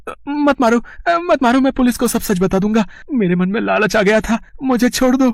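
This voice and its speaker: A man voicing a greedy, cowardly male villager who steals and then pleads in a frantic, shrill voice. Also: wildly swooping pitch, normal speed, darkish tone, husky, no echo, exaggerated voice. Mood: terrified pleading. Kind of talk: animated story voice acting.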